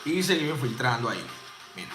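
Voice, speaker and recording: A man's voice: medium pitch, sing-song, brisk. A man teaching drink-making live, chatty and jokey, tossing in playful sound effects and casual swearing. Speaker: bartending instructor. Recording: roomy home space with music playing.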